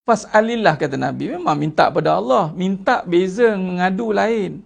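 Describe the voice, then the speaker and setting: Man, high voice, gravelly texture, animated sermon, rhetorical questions. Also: moderate pace. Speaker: religious teacher.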